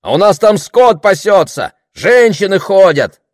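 A man voicing an irritated male villager who shouts questions from a crowd. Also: high-pitched, very animated, unhurried, dry recording, studio quality, pitched above the performer's own voice.

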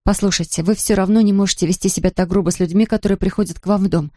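A woman voicing a kind, tired young nanny who talks to children gently and patiently. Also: mid-range voice, fairly even intonation, very fast, no room sound, clean studio sound, natural voice. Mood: firm.

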